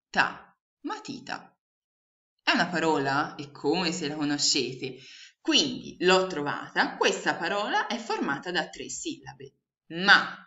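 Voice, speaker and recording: A woman teaching young children online, slowly and patiently sounding out letters and syllables. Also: fairly low pitch, pushed and bright. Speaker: primary school teacher. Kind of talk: remote lesson for young children. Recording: echoey room, dull lo-fi sound.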